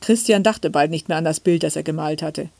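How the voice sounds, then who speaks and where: Woman, reader, gentle calm storytelling, dry close sound. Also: deep voice, fairly quick, gravelly, dry recording. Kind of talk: scripted storybook narration.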